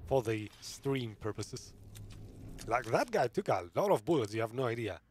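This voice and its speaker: Male streamer, casual and giggly, animated pitch, light background hiss. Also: normal speed. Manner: chatty, laughs often, reads chat aloud. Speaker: gaming streamer. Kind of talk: live gameplay commentary.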